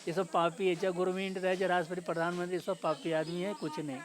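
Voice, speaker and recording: A man's voice: high-pitched, little pitch movement, quick pace. A man, a local resident, speaking outdoors in a curt and dismissive way, refusing to say much. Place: outdoors at a demolition site.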